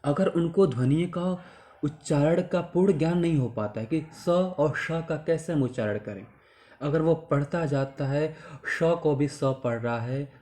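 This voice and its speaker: A man giving an explanatory lecture as a teacher educator, measured and stressing key terms. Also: medium pitch, mellow.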